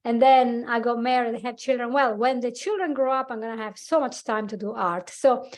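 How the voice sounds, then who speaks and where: An Italian woman in her forties, a coach, talks animatedly as a podcast guest in a casual interview, laughing often and speaking slightly broken English with an Italian accent. Her voice is on the high side and fairly quick.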